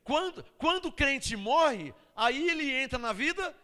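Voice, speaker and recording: A man's voice: very high-pitched, expressive, unhurried, sharp tone, long reverb tail. A man preaching a sermon to a congregation, asking them to answer back and repeat after him. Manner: preaching with call-and-response questions to the congregation. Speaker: pastor.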